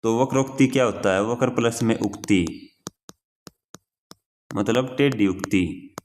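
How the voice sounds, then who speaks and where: A man's voice: fairly low pitch, unhurried, a little mellow, slight background noise. A young man teaching an exam-prep grammar lesson in a casual, repetitive way, often repeating key phrases and calling the listener brother.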